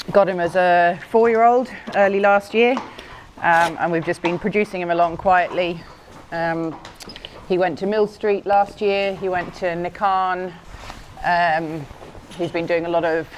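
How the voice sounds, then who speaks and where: A middle-aged woman who grew up in Scotland, an event horse rider speaking in a filmed interview, relaxed and thoughtful, with many pauses and fillers. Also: fairly low pitch, a little hiss or hum. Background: faint music.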